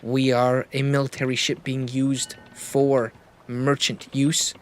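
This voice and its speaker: A man's voice: medium pitch, level tone, slow, close to an everyday voice. A man playing a stern, proud ship captain. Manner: clipped, stiff and defensive.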